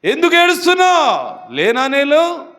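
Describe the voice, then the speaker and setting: A man preaching a sermon voices God calling gently to a weeping mother and reassuring her that help is at hand. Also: very high-pitched, wildly swooping pitch, unhurried, full character voice. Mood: comforting. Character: all-knowing God comforting a weeping mother.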